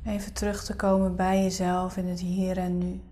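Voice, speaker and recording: A woman leading a guided meditation in a soft, breathy, soothing half-whisper. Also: on the low side, level tone, normal speed.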